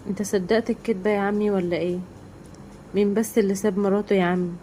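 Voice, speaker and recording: Loyal young Egyptian husband, voiced by a woman; earnest and reassuring, mellow tone. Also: medium pitch, fairly even intonation, quick pace, slight background noise, lightly acted, rough recording.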